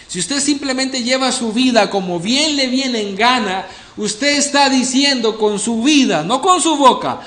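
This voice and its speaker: A man's voice: high voice, a bit bright, echoey room. A male pastor preaching an expository sermon, earnestly questioning the congregation. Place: church.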